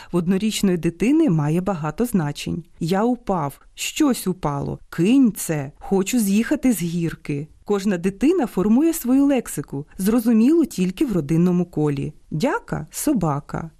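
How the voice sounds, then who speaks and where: A woman presenting an educational radio program, reading a clear, didactic script and slowing down to spell out word lists. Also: lowish voice, mellow.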